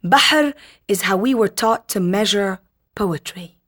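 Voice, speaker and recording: A woman in her thirties, a poet from Lebanon, answers interview questions and reads her work. Her voice sits at a middling pitch and she speaks softly, sometimes hesitating. Her readings are slow and quiet. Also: lively intonation. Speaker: poet guest.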